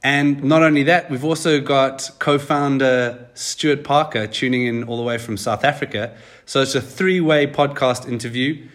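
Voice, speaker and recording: A man hosting a podcast, asking questions in an enthusiastic, lively way. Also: mid-range voice, normal speed. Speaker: podcast host, interviewer. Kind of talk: interview chat.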